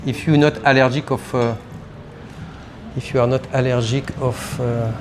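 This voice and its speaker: A man, a sommelier leading a live champagne tasting class, talking in an animated way and explaining as he demonstrates, recorded in a private tasting room. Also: mid-range voice, moderate pace, noisy background.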